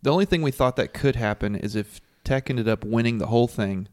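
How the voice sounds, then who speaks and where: A man's voice: mid-range voice, fairly quick, a little mellow, dry recording, clean studio sound. A man co-hosting a sports podcast, chatting in an easygoing, conversational way. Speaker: podcast co-host. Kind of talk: casual sports podcast chat.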